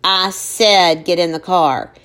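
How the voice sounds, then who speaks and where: A woman's voice: medium pitch, lively intonation, measured pace, natural voice. A woman voicing a stern, angry middle-aged mother who scolds her daughter sharply.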